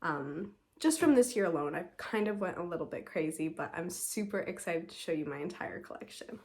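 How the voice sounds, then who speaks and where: A woman's voice: lowish voice, animated, brisk. Stuffy-nosed young woman vlogging from home, sore throat, super enthusiastic, says like constantly. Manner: gushing, enthusiastic, says "like" often. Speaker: YouTuber. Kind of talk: casual vlog chat.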